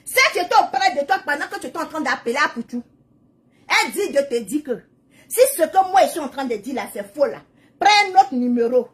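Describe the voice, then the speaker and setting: A mother speaking live to her followers has a high voice with lively intonation and a slightly fast pace. Her casual social media monologue is emphatic and repetitive, sliding at times into prayerful preaching.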